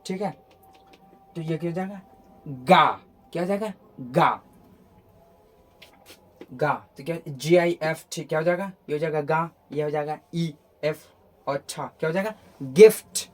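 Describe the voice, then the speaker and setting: A man's voice: a little high, a little mellow. A man teaching a phonetics lesson who asks questions and answers them himself, repeating each sound several times in drills. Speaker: English pronunciation teacher.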